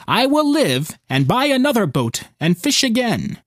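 A man's voice: very high-pitched, sing-song, no room sound, studio quality, pitched above the performer's own voice, exaggerated voice. A man voicing a cheerful, placid older fisherman in a storybook reading, speaking heartily and without hurry in a raised voice. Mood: wry. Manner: hearty and unhurried.

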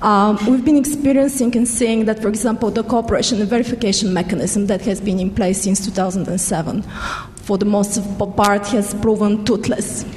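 A woman's voice: mid-range voice, fairly even intonation, a little fast, a little mellow. Hesitant woman asking from the floor. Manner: hesitant, filler-heavy. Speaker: audience questioner. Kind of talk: question from the floor at a panel. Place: large hall. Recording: echoey hall, faint background noise.

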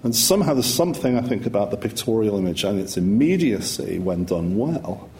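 Low-voiced, reflective academic man. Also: sing-song, darkish tone, slight background noise. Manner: measured, reflective, with restarts. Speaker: academic panelist. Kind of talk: panel discussion.

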